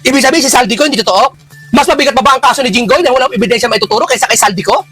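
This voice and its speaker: Casting: high-voiced man, rapid, indignant political commentary over a faint music bed. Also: breathy edge. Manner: indignant, rhetorical questions, bursts of shouting. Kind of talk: heated political reaction talk.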